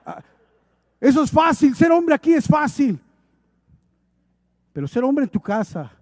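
A man's voice: extremely high pitch, very animated, measured pace, a little mellow, no echo, studio quality. A male preacher delivering an emphatic, exhorting sermon, lightened with humorous acted asides.

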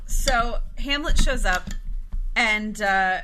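A woman's voice: medium pitch, slow pace, sharp tone, a little hiss or hum. A woman hosting a casual group podcast, retelling a play in a playful way and dropping into quoted voices.

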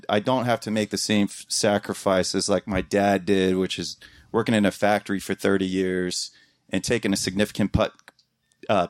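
A man's voice: fairly low pitch, no echo, clean studio sound. A man who podcasts, talking to his community in a casual, heartfelt ramble, with frequent restarts and casual swearing. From Columbus, Ohio area. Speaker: podcaster speaking as a guest.

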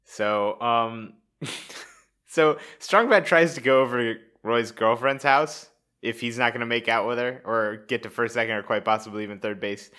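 A young man with a bright, forward voice co-hosts a podcast. He talks in loose, rambling sentences full of "like" and "uh," often breaking into laughter. His pitch sits in the middle range for a man. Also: normal speed. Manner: rambling, frequent fillers and laughs. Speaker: podcast co-host. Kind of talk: casual chat.

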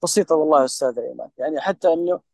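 A man's voice: on the high side, racing, gravelly, dry recording, low-quality recording. A man with a Saudi Gulf accent, a mental health specialist speaking as a guest on a podcast interview. He gives impassioned advice in an emphatic, preachy way and often speaks straight to the listener. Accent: Saudi Gulf Arabic.

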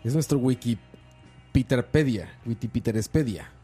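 A man's voice: mid-range voice, moderate pace, mellow, husky, faint music behind. A young man co-hosting a casual podcast chat, joking and teasing and laughing often. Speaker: podcast co-host.

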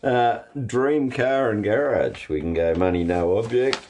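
A man's voice: fairly low pitch, measured pace, a little mellow, a little hiss or hum. An Australian man hosting a casual chat about cars in a blokey, sweary, slangy way. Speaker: host of a car show.

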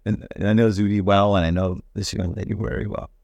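A man co-hosting a podcast in casual conversation, talking haltingly with many restarts and stammers. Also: on the low side, fairly even intonation, vocal fry, darkish tone, dry recording. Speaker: podcast co-host.

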